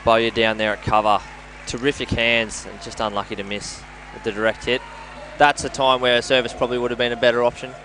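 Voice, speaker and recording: An Australian man commentating on a live match, analysing play in a measured way like a coach. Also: medium pitch, level tone, sharp tone, a little hiss or hum. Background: indoor sports venue with games nearby.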